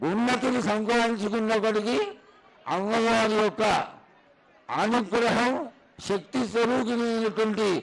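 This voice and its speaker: A man making a devotional public announcement at a religious ceremony, in formal, reverent phrasing and short deliberate fragments. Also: sits high, creaky, fairly bright tone, poor audio. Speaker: temple event announcer.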